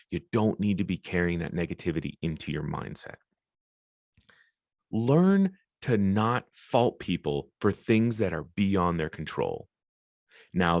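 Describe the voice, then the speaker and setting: A man's voice: low-pitched, no room sound, clean studio sound. A man hosting a solo podcast, talking earnestly and encouragingly in a reflective monologue and swearing casually now and then. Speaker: podcast host.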